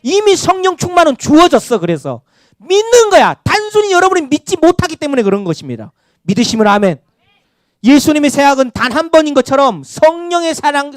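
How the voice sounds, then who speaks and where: Animated, high-voiced pastor preaching. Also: male voice, dry recording, clean studio sound. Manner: animated preaching with call-and-response amens. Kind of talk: sermon. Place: church sanctuary.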